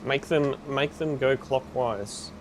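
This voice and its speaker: A man's voice: mid-range voice, slow pace, noisy background. A man streaming a game live, chatting casually with viewers and reacting with upbeat exclamations.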